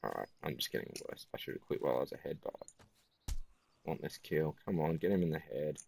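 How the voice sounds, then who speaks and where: Man, extremely low voice, tired, monotone gameplay commentary. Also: quick pace, creaky, slight background noise. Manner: self-described monotone, relaxed and musing.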